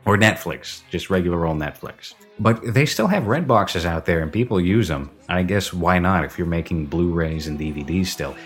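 A man's voice: sits low, lively intonation, normal speed, few pauses. Man with echoey empty-basement reverb. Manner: rambling, opinionated, self-correcting. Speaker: podcast host. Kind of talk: casual film review chat.

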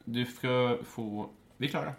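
A man hosting a casual chat with dry, teasing remarks. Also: medium pitch. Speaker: host.

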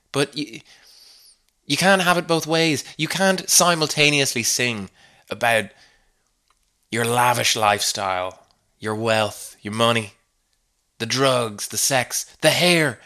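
A man's voice: fairly low pitch, sharp tone. A man hosting a comedy podcast, delivering a scripted monologue with mock-exasperated, sardonic asides.

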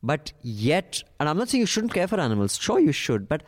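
A man's voice: fairly high pitch, very animated, brisk. A man co-hosting a casual, opinionated podcast chat in a blunt, ranting, sweary way. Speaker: podcast co-host.

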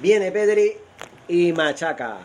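A man with an accent from Spain doing excited live football goal commentary, shouting goals and repeating his exclamations. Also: sits high, takes it slowly, a little hiss or hum. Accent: Spanish from Spain. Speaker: football commentator on an online radio stream.

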